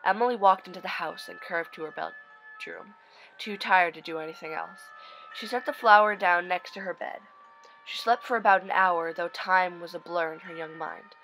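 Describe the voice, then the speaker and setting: A woman with a slightly low, bright and forward voice reads a scripted horror tale as its narrator. Faint music with chimes plays behind her storytelling. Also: moderate pace, rough recording. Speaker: narrator of online horror stories.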